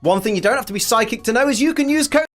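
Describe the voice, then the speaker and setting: A man's voice: very high-pitched, expressive, racing. A man giving dry, sarcastic commentary on a cartoon episode. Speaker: commentary host.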